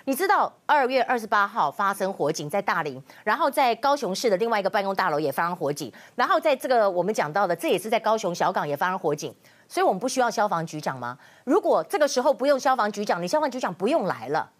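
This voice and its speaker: Fast, lively Taiwanese woman commentator. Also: medium pitch. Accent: Taiwanese Mandarin. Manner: indignant, fires rhetorical questions; drops in Taiwanese Hokkien words. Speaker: political commentator. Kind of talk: solo current-affairs commentary.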